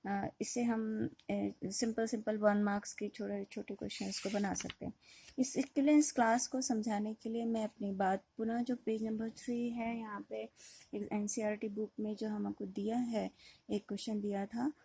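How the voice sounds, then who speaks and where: A woman's voice: mid-range voice, level tone, moderate pace, vocal fry, dark tone, breathy edge, no room sound, rough recording. A woman teaching a maths lecture, explaining step by step and asking questions she then answers herself. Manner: mixes in English terms, with fillers and restarts. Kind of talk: classroom lecture.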